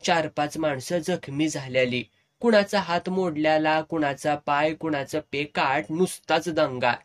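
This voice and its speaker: A man's voice: a little high, a little slow. A man reading a serialized novel aloud, telling it in the first person in dialect. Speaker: storyteller.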